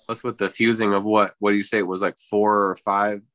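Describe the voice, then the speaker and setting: Lowish-voiced man, dry close sound. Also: level tone, a little fast, fairly bright tone, no room sound. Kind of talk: casual chat.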